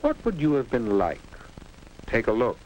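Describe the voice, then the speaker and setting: 1950s film narrator, lively intonation. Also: male voice, medium pitch, moderate pace. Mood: patient, instructive. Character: patient, wise unseen narrator guiding a teenage boy. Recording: noisy 1950s educational film soundtrack.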